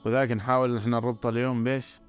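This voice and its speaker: A man's voice: mid-range voice, flat delivery, very fast, clear, resonant tone, faint music behind. A man giving an earnest religious talk, stressing points by repeating words. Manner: earnest, repetitive emphasis.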